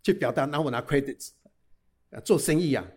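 A middle-aged man, a pastor, giving a humorous sermon, telling lively anecdotes peppered with casual tag particles and English phrases. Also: medium pitch, a little fast, breathy edge. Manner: lively storytelling with frequent "哈" tags and English phrases.

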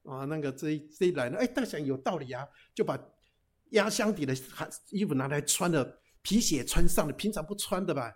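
A man telling a folk tale aloud in a lively, chatty way, with frequent hesitations and restarts. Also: fairly high pitch, a little fast. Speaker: storyteller.

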